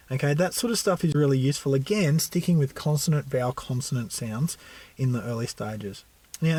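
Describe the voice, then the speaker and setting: Husky-voiced man explaining reading skills. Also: medium pitch, a little mellow, dry recording. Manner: patient, slowly sounds out example words. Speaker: reading tutor advising parents. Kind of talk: instructional talk to parents.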